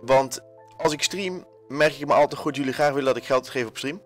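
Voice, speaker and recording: A man's voice: medium pitch, a little fast, soft background music. A young man with a Dutch accent giving casual, jokey gameplay commentary to his viewers, swearing and full of fillers. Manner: energetic, jokey, swears, shouts when panicking; many fillers, talks to viewers. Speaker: gaming YouTuber.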